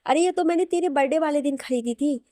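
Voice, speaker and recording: A woman voicing a gentle, loving older brother who speaks fondly. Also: high-pitched, fast, no echo, studio quality, pitched above the performer's own voice, close to an everyday voice. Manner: gentle, fond.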